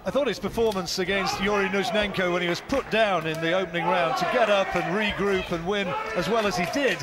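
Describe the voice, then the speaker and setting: Ringside boxing commentator, high voice. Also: male voice. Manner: measured play-by-play with fight facts. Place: ringside at an indoor boxing arena. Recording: loud arena crowd and noise behind.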